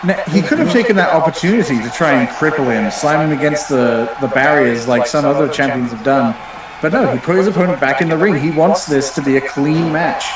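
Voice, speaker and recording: A man's voice: on the high side, fairly quick. Echoey, distant male wrestling commentator. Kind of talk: conversational sports commentary with analysis. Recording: very echoey room, distant from microphone.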